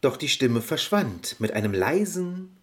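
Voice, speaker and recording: A man narrating a fairy-tale audio story in an expressive storybook manner. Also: medium pitch, a little slow.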